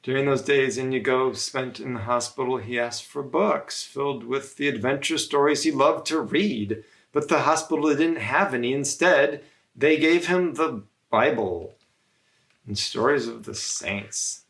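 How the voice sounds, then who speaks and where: A religious brother reads a story aloud to children in measured phrases with frequent pauses. His voice is medium-pitched and a bit bright, with vocal fry.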